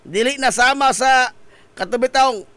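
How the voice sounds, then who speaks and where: A man hosting a morning radio show, chatty and joking, his voice hoarse from a cough and cold. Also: very high voice, unhurried, heavy background noise. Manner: jokey, laughs often at his own quips. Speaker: radio host.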